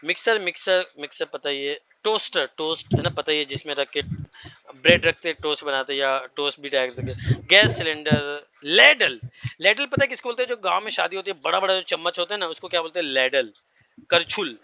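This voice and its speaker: Man, English teacher, bright, dry, dull muffled sound. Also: a little high, expressive, brisk, no echo. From India. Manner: explains each word with repeated checks to the class. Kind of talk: classroom vocabulary lesson.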